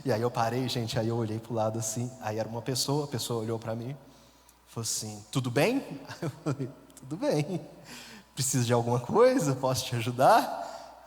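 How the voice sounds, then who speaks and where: A priest from the interior of Minas Gerais, with a Minas accent, telling a story in a sermon in a chatty, self-mocking way and laughing often. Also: male voice, mid-range voice, lively intonation, normal speed. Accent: Minas Gerais Brazilian Portuguese. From interior of Minas Gerais, Brazil. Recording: long hall reverb.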